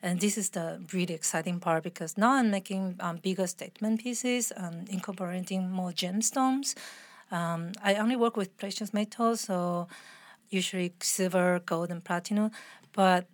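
In a casual interview conversation, this talkative Taiwanese woman speaks at normal speed in a lowish voice. The sound is dry, without echo, and she frequently laughs and starts her sentences over.

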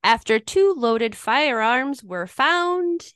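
Smooth-voiced woman in chatty podcast banter. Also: sits high, lively intonation, slow pace, a bit bright, no echo. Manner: chatty, playful, reads news details. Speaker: podcast co-host.

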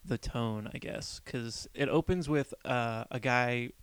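A man co-hosting a podcast, casually retelling a movie with relaxed fillers. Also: medium pitch, takes it slowly, smooth, dry recording. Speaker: podcast co-host. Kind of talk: casual chat about a film.

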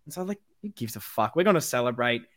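A man's voice: medium pitch, expressive, fast, fairly bright tone. A man with a broad Australian accent hosting a football fan podcast, talking in an emphatic, rambling, sweary and passionate way. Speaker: podcast host.

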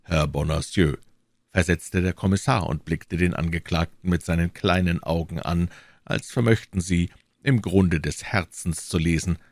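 A man narrating a classic novel as an audiobook in a measured, expressive storytelling manner. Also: deep voice, no room sound, studio quality.

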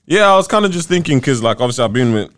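A man's voice: mid-range voice, very animated, racing, heavy background noise. A young man in casual banter with friends on a panel, teasing and full of slang. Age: young adult. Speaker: podcast panelist.

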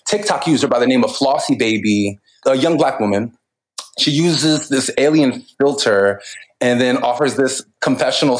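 In a mid-range voice, this American podcast co-host works through cultural commentary in a thoughtful, casual chat, frequently laughing and starting his sentences over. The recording is low quality.

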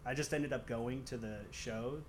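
A man with a Great Lakes Michigan accent talks casually at a middle pitch, wandering through his thoughts with dry humor. Clear background ambience sits behind his voice. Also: steady tone, normal speed, a little hiss or hum. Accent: Michigan, Great Lakes American. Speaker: stand-up comedian guest. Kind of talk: casual chat.

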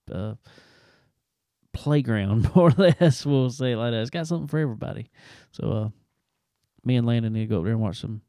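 Joking around in a relaxed, casual chat, this male radio host drawls his filler words. He has a smooth, dark voice on the low side, recorded studio-quality with no echo.

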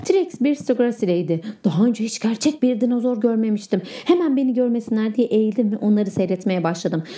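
A woman kindergarten teacher reading a storybook aloud to young children, expressive and animated, with big swings in pitch. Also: fast, noisy background.

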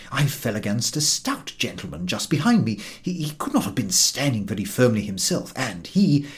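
In an audiobook, a man with a medium-pitched voice lightly acts the part of a baffled, indignant Englishman. The character airs a comic grievance in dialogue, exclaiming in an aggrieved way.

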